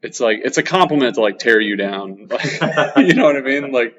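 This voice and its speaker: A man's voice: mid-range voice, expressive, moderate pace, fairly bright tone. Teasing man in his thirties, podcast host. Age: 30s. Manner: teasing and joking, loose with fillers. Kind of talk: casual podcast chat. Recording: muffled podcast audio.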